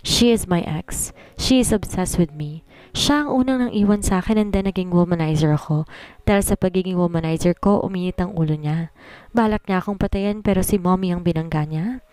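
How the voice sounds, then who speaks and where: A woman voicing a possessive, brooding rich young man in a soft, insistent tone. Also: lowish voice, brisk, smooth, dry recording, close to an everyday voice.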